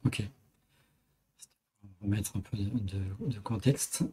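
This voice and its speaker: A man's voice: fairly low pitch, slow, a little mellow, slight background noise. A man hosting a casual tech podcast panel, asking questions and passing the turn to each guest. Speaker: podcast host.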